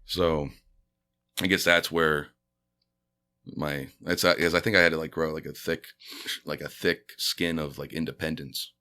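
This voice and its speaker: Extremely low and forceful yet bright, this man's voice barely moves in pitch and comes at a measured pace with frequent pauses. He's a Spanish-first stand-up comedian chatting as a podcast guest, loose and rambling, with lots of fillers and restarts.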